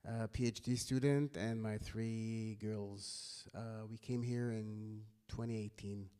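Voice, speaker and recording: A man from Israel introducing himself as a panelist, measured and calm. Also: lowish voice, smooth. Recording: long hall reverb.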